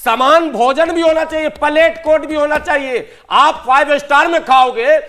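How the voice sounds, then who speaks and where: A man who is a panelist in a heated TV debate, talking loudly over the others. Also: very high voice, normal speed. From Bihar. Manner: loud, talks over others.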